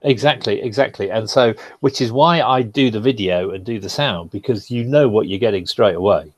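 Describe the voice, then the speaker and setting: A man's voice: lowish voice, normal speed, no room sound. A man, talking bluntly and directly as a podcast guest. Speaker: guest, LinkedIn lead generation expert. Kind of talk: casual podcast conversation.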